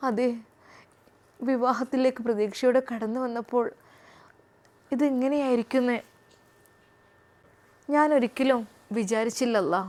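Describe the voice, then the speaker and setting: A woman telling a story in an emotional, expressive way. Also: fairly high pitch. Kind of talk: storytelling narration.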